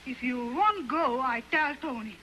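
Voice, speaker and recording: An actress in an early sound film playing a frightened young wife who pleads in distress. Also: female voice, sits high, expressive, measured pace, bright, forceful tone, a little hiss or hum, full character voice, rough recording. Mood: defiant.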